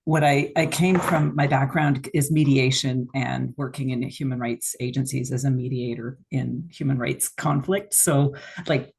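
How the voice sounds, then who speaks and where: A woman mediator speaks up on a video call. Her voice is raspy with a gravelly edge, and she talks politely and deliberately. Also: rumbling low, fairly even intonation, a little mellow. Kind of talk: workshop question.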